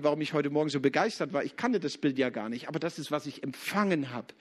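Guy preaching in church, pretty high voice, gets fired up then drops real quiet, acts out bible bits. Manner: passionate, swings between loud urging and quiet lowered tones; acts out biblical dialogue with colloquial asides. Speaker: guest preacher. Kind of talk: sermon. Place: church service.

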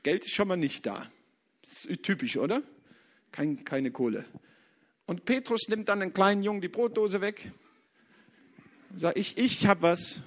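A man preaching a sermon at a church service, passionate, swinging between loud urging and quiet lowered tones, acting out biblical scenes with casual asides. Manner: acts out biblical dialogue with colloquial asides. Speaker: guest preacher.

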